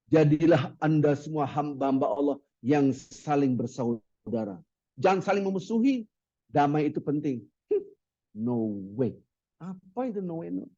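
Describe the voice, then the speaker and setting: Male preacher, lively Ramadan sermon, fairly high voice, dull dry recording. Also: no room sound. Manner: lively, acts out market haggling in quoted voices; chants Arabic hadith phrases slowly.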